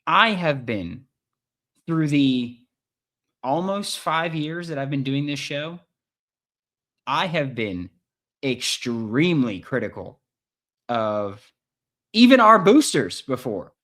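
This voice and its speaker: A man's voice: medium pitch, slow, long pauses. Hyped-up male sports podcast host. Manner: excitable, hype-driven, repetitive emphasis. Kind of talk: live sports podcast commentary. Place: recording in England.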